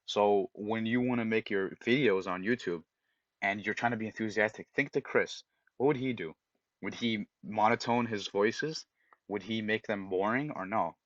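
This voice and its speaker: Man, low voice, podcast co-host, animated advice, dry dull audio. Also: normal speed, no echo. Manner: animated, giving direct advice, acts out example voices. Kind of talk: casual podcast chat.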